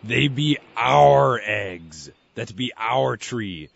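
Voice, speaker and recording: A man's voice: lowish voice, normal speed, vocal fry, a bit bright, husky, dry recording, full character voice. A man voicing a boastful male chickadee ghost pirate, growling his lines in pirate talk. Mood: gruff. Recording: lo-fi recording with faint room noise.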